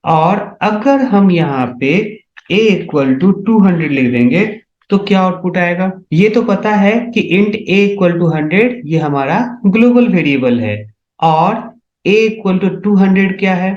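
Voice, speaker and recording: In a screen-recorded coding tutorial, a man walks through C programming step by step, his high, expressive, darkish voice moving slowly. He frequently checks whether students are keeping up, and the room sound is echoey, dull and lo-fi.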